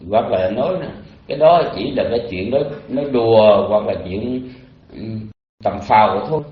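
Man, monk giving dharma lesson, halting, instructive, roomy echo, muffled audio. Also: medium pitch. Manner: didactic, halting with pauses and repeats. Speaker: Buddhist monk teaching a class. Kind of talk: dharma talk. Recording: dull lo-fi, echoey online audio.

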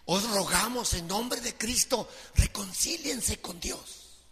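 A man preaching a sermon as pastor, pleading with his listeners, dropping low and quiet and then rising to shouted appeals. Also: animated, slow, long reverb tail. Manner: impassioned preaching, swinging from soft to shouted pleading.

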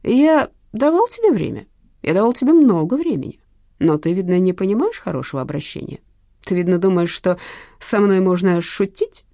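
In an audiobook, a hoarse, mocking male gangster threatens and sneers with a lively, swinging delivery, as a woman reader puts him on. The sound is warm and dry, close to the mic. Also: medium pitch, normal speed, no room sound, natural voice. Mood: threatening. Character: menacing male gangster loan shark, mocking. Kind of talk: audiobook character voice.

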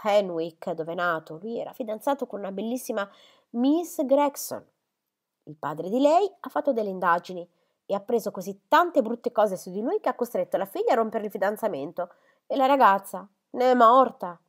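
A woman's voice: mid-range voice, animated, normal speed, pitched above the performer's own voice, natural voice. A woman voicing a stern, disapproving older spinster who speaks in an admonishing, authoritative way.

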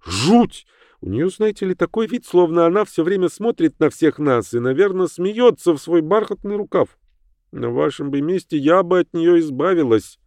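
A man reading an audiobook, voicing a fussy, gushing middle-aged society lady with a shrill, theatrical manner. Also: expressive, normal speed, darkish tone, no room sound, clean studio sound. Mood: uneasy. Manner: shrill, theatrical, baby-talks her dog.

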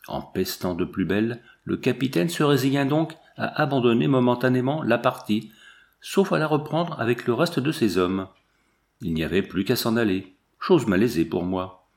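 A man narrating a war memoir in a measured, steady reading. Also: mid-range voice. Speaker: audiobook narrator.

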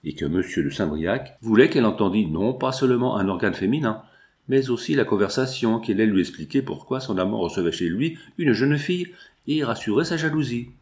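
A man's voice: lowish voice, lively intonation, brisk, a little mellow. Man narrating a classic novel. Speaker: audiobook narrator. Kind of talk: scripted narration.

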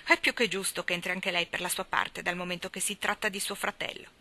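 A woman voicing a sharp, self-righteous middle-aged aunt who scolds loudly in a high voice. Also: steady tone, fairly quick. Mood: scolding. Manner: loud, high and insistent.

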